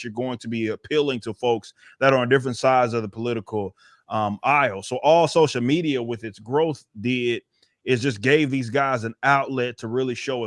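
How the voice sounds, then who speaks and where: A man's voice: medium pitch, no echo, clean studio sound. Blunt, rambling man on a panel. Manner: rambling, blunt, swears freely. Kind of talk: casual panel chat.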